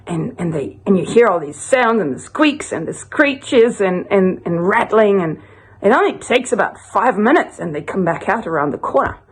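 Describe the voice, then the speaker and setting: Husky woman telling a rambling joke. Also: medium pitch, moderate pace. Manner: rambling, animated, many restarts. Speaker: storyteller.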